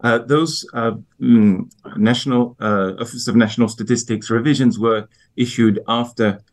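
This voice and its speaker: A man answering broadcast interview questions on economics as an expert guest, in a halting, hesitant manner with repeated words. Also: mid-range voice, steady tone. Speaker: economist guest, IMF research division head.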